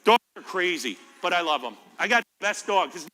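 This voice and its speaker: An American firefighter with a bright, forceful, high voice tells animated stories to children at a fairly quick clip, joking informally and asking them questions. The recording has a little hiss or hum and the heavy reverb of an indoor library room.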